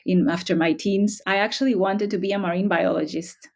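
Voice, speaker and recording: A woman's voice: mid-range voice, fairly even intonation. Woman researcher chatting. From Costa Rica. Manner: thoughtful, friendly, quick to laugh. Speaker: guest researcher. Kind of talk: casual interview talk.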